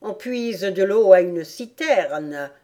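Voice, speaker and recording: A woman voicing a rude, mocking man with a loud, sneering, pedantic delivery in an audiobook. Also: medium pitch, animated, measured pace, lightly acted. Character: rude, mocking adult man at a tea party. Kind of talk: audiobook character voice.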